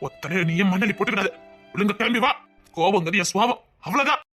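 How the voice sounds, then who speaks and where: A woman voicing a quick-tempered young husband who curtly orders his wife in a dubbed serial drama. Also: medium pitch, lively intonation, fairly bright tone, soft background music. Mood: stern. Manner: curt, commanding.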